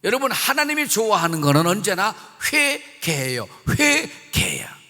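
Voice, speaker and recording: Man, pastor, revival sermon, bright voice, long hall reverb. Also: sits high, big pitch swings, moderate pace. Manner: emphatic, repetitive, asks congregation questions. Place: church sanctuary. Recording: reverberant church sanctuary.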